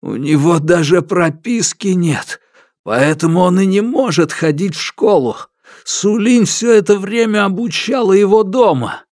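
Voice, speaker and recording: A man voicing a drunk, desperate middle-aged father who talks in hoarse, breathless outbursts. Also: high-pitched, takes it slowly, dry recording, clean studio sound, voice pushed up. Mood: bitter.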